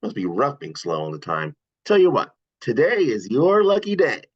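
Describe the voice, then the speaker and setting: A performer voicing a playful, excitable, cocky teenage hedgehog in a cartoon script read. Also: mid-range voice, husky, muffled recording. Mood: friendly teasing. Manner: chatty, cheering, quick swings between glee and disgust.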